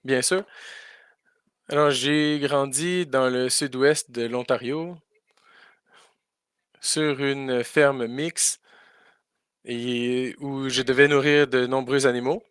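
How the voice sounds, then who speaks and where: Hesitant male interpreter, smooth voice. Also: medium pitch, steady tone, slow pace, pauses often, a bit bright, no room sound, clean studio sound. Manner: hesitant, many fillers and restarts. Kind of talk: live spoken interpretation.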